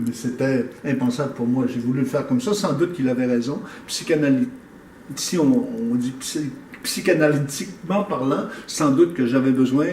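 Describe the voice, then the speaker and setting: A man who explains his painting thoughtfully and hesitantly, with many pauses. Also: mid-range voice, mellow. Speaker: painter, interview guest. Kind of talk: casual explanation. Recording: echoey room, mic at a distance.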